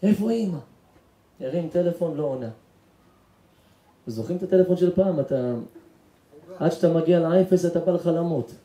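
A high-pitched rabbi with a mellow tone tells a dramatic story in a sermon. He acts out each character, sometimes hushed and sometimes shouting, in an echoey room. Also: long pauses. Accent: Israeli Hebrew. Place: synagogue or event hall.

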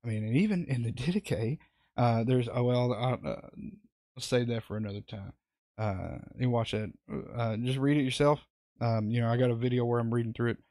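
A man's voice: mid-range voice, moderate pace, warm tone, no room sound. A man hosting a live, unscripted Bible study, rambling with many fillers and restarts as he comments on scripture.

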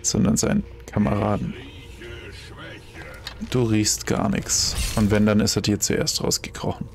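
A man's voice: on the low side, big pitch swings, unhurried, vocal fry, faint music behind. A German man giving casual let's play commentary, chatty and thinking aloud, exclaiming over loot as he finds it.

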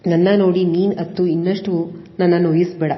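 A woman's voice: lowish voice, little pitch movement, a little fast, natural voice. A woman voicing a remorseful young man who pleads earnestly for forgiveness, read in a storybook narration. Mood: remorseful pleading. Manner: pleading, apologetic. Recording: dull lo-fi audio with long reverb.

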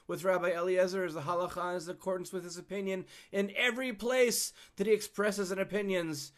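A man's voice: sits high, steady tone, fairly quick, pitched above the performer's own voice, lightly acted. A man voicing a divine voice from heaven as he retells a story. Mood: questioning.

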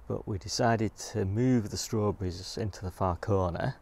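A middle-aged man gives an understated, unscripted tour of a garden, musing aloud as he walks outdoors in casual vlog style. His voice is lowish, slightly mellow and at normal speed, with clear outdoor background noise.

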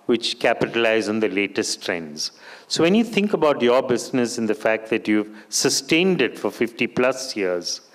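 Man moderating a conference panel. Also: medium pitch. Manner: long, structured questions with filler phrases. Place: conference stage in a large hall.

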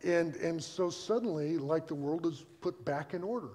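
A man preaching a sermon as pastor, telling the story with animated energy and acting out the characters in quotes. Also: on the high side, moderate pace. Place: church sanctuary. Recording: long reverb of a church hall.

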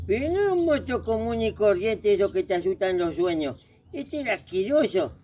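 Male storyteller for kids; lively, talks to the audience, high-pitched. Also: moderate pace, lo-fi sound, slight background noise. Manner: lively, chatty, asks the audience questions. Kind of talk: children's storytelling at a book fair.

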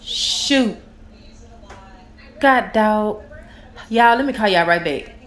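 A woman's voice: mid-range voice, drawn-out words. A woman in her thirties chatting casually in a home vlog while she cleans and organizes her kitchen, rambling and often saying "so yeah", picked up by a camera on a tripod across the room. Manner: relaxed, rambling, repeats "so yeah". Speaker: vlogger.

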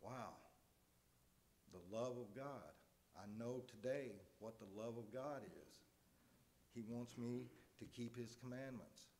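A man's voice: mid-range voice, takes it slowly, mellow, slight background noise. A middle-aged man from Tennessee, giving an informal, earnest sermon and often stopping to repeat his words. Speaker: lay preacher.

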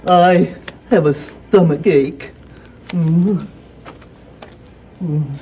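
Giant childlike bird, high voice, slow, mellow, stammering, innocent, 1960s children's TV puppet. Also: male voice, a little hiss or hum. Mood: glum.

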